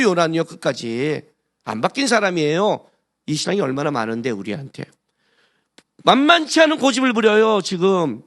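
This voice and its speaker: Male pastor, gravelly high voice, lively sermon delivery with sudden loud bursts. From Korea. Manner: emphatic, swings between hushed asides and loud exclamations; talks directly to congregation with rhetorical questions.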